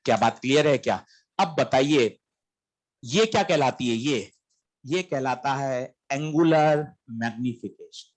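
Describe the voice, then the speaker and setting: A man's voice: mid-range voice, a little slow. A man teaching a physics lesson in a classroom-lecture style, quizzing students and answering his own questions in a coaxing, emphatic way.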